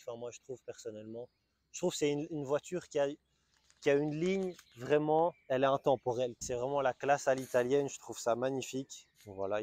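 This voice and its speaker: A man's voice: medium pitch, darkish tone, no echo. A man with a Belgian French accent, presenting a car in a casual, enthusiastic walkaround with frequent restarts. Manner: enthusiastic, chatty, hesitant restarts. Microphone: small camera-mounted mic.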